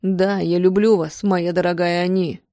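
A woman's voice: on the low side, flat delivery, moderate pace, mellow, dry recording, clean studio sound, lightly acted. A woman reading aloud voices a male painter who answers curtly and with restrained irritation. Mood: tender. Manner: curt and brusque. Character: male painter, curt, irritated, then tender.

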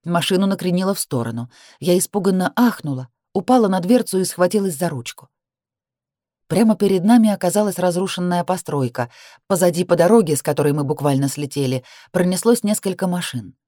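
A woman reading a romance novel aloud in an expressive narrating voice. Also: brisk, no room sound, studio quality. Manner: expressive reading, rising high for the heroine's cries. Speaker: audiobook narrator.

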